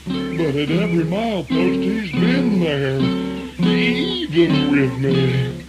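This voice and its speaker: Excitable, swooping storybook rabbit. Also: male voice, a little high, takes it slowly, over loud music, rough recording. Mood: breathless triumph. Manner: exclamatory, folksy, stammering when flustered. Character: boastful, flustered male trickster rabbit of folktale. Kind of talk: children's radio theatre dramatization.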